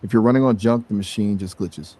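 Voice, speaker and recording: Laid-back, slangy, low-voiced male AI. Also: fairly quick, dark tone. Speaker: AI conversation guest. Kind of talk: casual chat.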